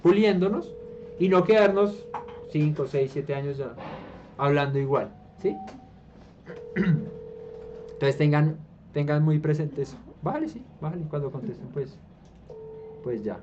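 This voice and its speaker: A man's voice: expressive, a little slow, pauses often, darkish tone. A man from Colombia with a Colombian Spanish accent, teaching a small group Bible study in a conversational way and often checking in with the listeners. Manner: hesitant restarts while explaining. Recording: dull low-fi room recording with faint hiss.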